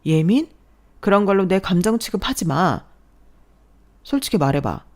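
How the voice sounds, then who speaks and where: A woman's voice: medium pitch, big pitch swings, normal speed, darkish tone, close to an everyday voice. A woman voicing a fed-up young wife who firmly stands up to her mother-in-law and husband. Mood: heated. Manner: firm, heated.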